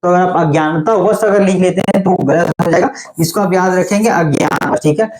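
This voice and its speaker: A man's voice: sits high, brisk, a little mellow. Male hindi teacher, patient step by step explaining, keeps checking in with the class. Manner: explains patiently, often says "theek hai" to check in. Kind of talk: online class lecture.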